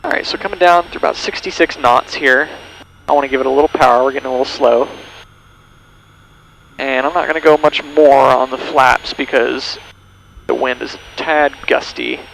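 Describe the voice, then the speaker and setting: Speaking at normal speed with a medium pitch, fairly even intonation, vocal fry, and a fairly bright tone, a pilot demonstrates pattern work. He narrates step by step over the radio from a small plane's cockpit via headset, with engine drone and radio noise filling the noisy audio.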